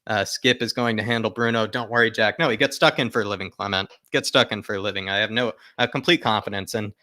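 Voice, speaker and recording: A man hosts a football fan livestream, chatting casually and emphatically with viewers, reading their comments aloud and often repeating phrases for stress. His lowish voice is bright and forceful, with a steady tone and fast delivery. The recording is dry, with clean studio sound.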